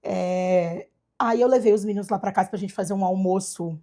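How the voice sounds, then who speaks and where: A woman from Brazil telling her adoption story in a casual chat, animated and acting out the voices of people she quotes. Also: medium pitch, normal speed. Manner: animated, acts out quoted dialogue. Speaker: guest, adoptive mother.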